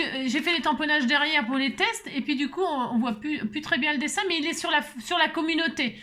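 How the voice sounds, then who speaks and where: This papercraft vlogger is a French woman, a bit tired, chatting at home as she makes a card for a casual tutorial. Her high-pitched voice has a sharp tone, and she rambles, restarting often, laughing softly and using many fillers.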